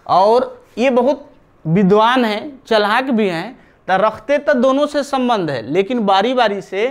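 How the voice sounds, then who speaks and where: A man's voice: high voice, expressive, unhurried. A man teaching a live online grammar class, explaining step by step and repeating key terms while he writes on a board.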